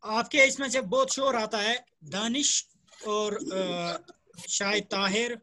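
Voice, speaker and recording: High, bright-voiced male Arabic teacher. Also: takes it slowly. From Jammu and Kashmir, India. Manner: patient drilling, repeats words, praises students often. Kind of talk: online grammar lesson with students. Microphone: video call.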